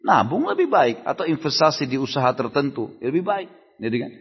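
A man preaches to a study gathering, answering questions in a loose, conversational manner and throwing rhetorical questions at his listeners. His voice is a little husky, at a middling pitch. The sound is dull and lo-fi, with a long hall echo around it. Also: very animated, a little fast. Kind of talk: sermon Q&A at a religious study gathering.

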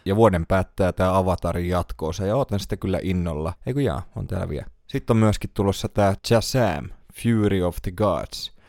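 Casting: male podcast host, very low voice, dry close sound, rambling casual delivery. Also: hardly any pauses, darkish tone, no echo. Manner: thinks aloud, browsing lists, many fillers. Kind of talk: casual solo podcast talk.

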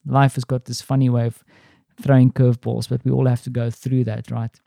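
A man with a South African accent rambles reflectively about his day, hesitating often. His voice is dark and gravelly with little rise and fall, and it sits close and dry with no room around it. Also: medium pitch, flat delivery, fairly quick, no echo. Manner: rambling, reflective, many ums and restarts. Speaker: podcast host. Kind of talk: casual spoken diary. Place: apartment.

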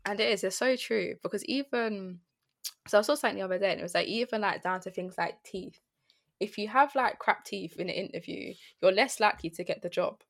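A woman's voice: mid-range voice, brisk, creaky, fairly bright tone. A young woman hosting a podcast in casual, slangy, jokey chat. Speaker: podcast host.

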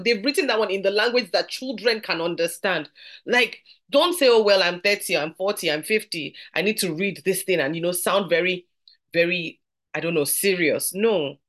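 A woman teaching a podcast Bible study, conversational and earnest, slowing down to read scripture aloud. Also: fairly low pitch, a bit bright.

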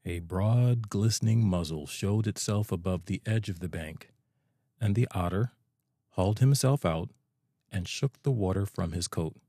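Calm male bedtime narrator, low and mellow voice, dry close sound. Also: unhurried, no room sound. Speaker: audiobook narrator. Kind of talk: bedtime story reading.

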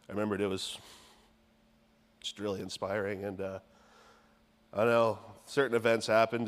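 A young man in his twenties giving a personal testimony in church, halting and rambling with many fillers. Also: on the low side. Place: church sanctuary. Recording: long church reverb.

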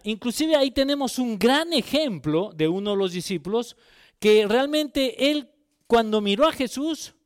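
A man's voice: sits high, no room sound, studio quality. A man preaching a sermon. He reads a Bible passage aloud and asks the listeners rhetorical questions.

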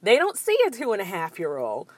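A woman in her thirties co-hosting a casual talk show, telling a story in an animated way with many asides and self-corrections. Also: medium pitch, moderate pace, husky, no echo. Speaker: podcast co-host.

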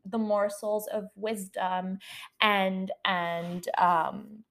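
A woman's voice: mid-range voice, flat delivery, extremely slow, gravelly, fairly bright tone. A woman in her twenties hosting her own podcast, talking in an emotional, effusive way, swearing casually and getting teary. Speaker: podcast host. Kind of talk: personal podcast monologue. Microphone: handheld microphone.

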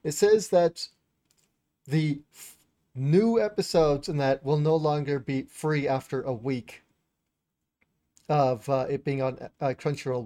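A man's voice: mid-range voice, warm tone. A man co-hosting a podcast, casually going over anime news, hesitant and informal, often laughing. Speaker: podcast co-host.

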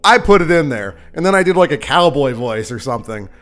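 A podcast editor records a casual aside, explaining something in an offhand way. His voice is mid-pitched, and soft music plays faintly underneath. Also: lively intonation, fairly quick. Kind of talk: recorded aside while editing.

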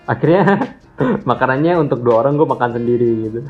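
A man's voice: mid-range voice, expressive, brisk. Brief: young man, rambling self-mocking storyteller, dull lo-fi audio, faint guitar. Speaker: podcast guest. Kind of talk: casual chat. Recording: slightly dull lo-fi sound, faint music.

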